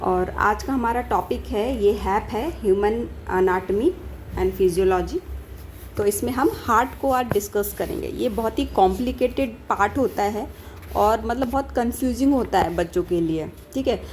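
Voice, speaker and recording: A woman from India teaching a casual lecture, talking quickly and checking in with her students after almost every point. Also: medium pitch, darkish tone, a little hiss or hum. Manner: talks fast, with a rhythm that speeds up as she teaches; keeps asking and answering her own questions, peppered with "theek hai" checks. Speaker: pharmacy tutor.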